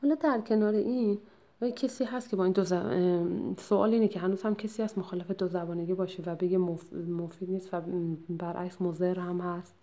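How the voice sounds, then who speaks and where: A woman lectures her way through a textbook chapter in a low, mellow voice. Her delivery is measured and explanatory, with frequent filler pauses and restarts as she searches for the right phrasing. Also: steady tone.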